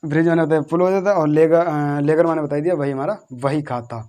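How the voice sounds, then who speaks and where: In a patient spelling lesson, a male teacher with a somewhat high, warm voice and fairly even intonation drills English words slowly. He says each word several times and spells it letter by letter, repeatedly posing questions to his pupils and then answering them himself.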